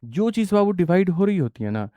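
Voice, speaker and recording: Warm-voiced male maths teacher. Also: sits high, big pitch swings, fairly quick, dry recording, clean studio sound. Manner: asks rhetorical questions and answers them himself; keeps calling students "my brother". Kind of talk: exam-prep maths lesson.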